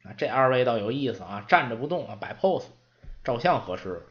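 A man telling a story in chatty storyteller style with lively asides. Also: mid-range voice, a little fast, lo-fi sound.

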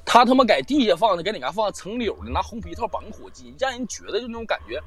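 A man's voice: sits high, fast talker, soft background music. A man telling a ghost story in casual chat, swearing and acting out quoted lines. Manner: swearing, animated retelling with quoted dialogue. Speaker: storyteller guest on a live-stream show.

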